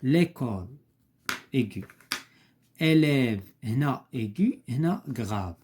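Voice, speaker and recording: A man leads a primary French lesson. He reads each word carefully, repeats it, then explains in quick asides. His voice is mellow and dark, pitched in a middle range. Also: expressive, slight background noise. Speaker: teacher.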